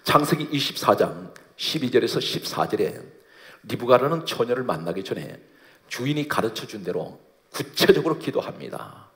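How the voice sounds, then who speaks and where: A man's voice: medium pitch, big pitch swings, moderate pace, fairly bright tone. A man preaching a sermon as pastor, posing rhetorical questions and acting out quoted words of God. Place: church sanctuary. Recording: long church reverb.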